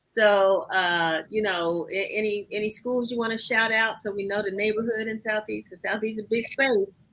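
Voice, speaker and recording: A woman with a mid-range, slightly bright voice hosts a casual interview show over a video call, speaking at a moderate pace with fairly even intonation. She is upbeat and rambling, restarts often, and sniffles a little, and the recording quality is low.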